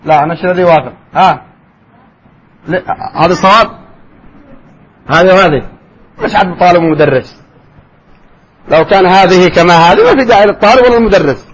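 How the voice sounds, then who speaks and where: A man teaching a spelling class, firing quick questions at his students and calling on them to answer. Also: sits high, slightly rough, poor audio. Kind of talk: classroom lesson.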